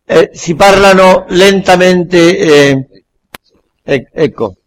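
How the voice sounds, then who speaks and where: A man giving a public lecture in Italian, haltingly searching for words and repeating phrases for emphasis. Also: high voice. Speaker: guest lecturer. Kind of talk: public lecture with questions and answers.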